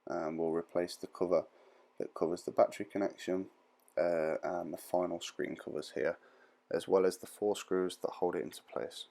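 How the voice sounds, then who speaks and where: With a very low, gravelly voice that's dark and soft-edged, a man narrates an informal step-by-step how-to. His delivery is flat and at normal speed, and he explains each step in plain, reassuring language like a tutorial presenter.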